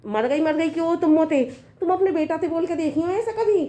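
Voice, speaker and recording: A woman's voice: very high voice, fairly quick, mellow. Woman playing an earnest young daughter-in-law. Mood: explaining. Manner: earnest, lecturing, reasoning at length. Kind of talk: comedy sketch acting.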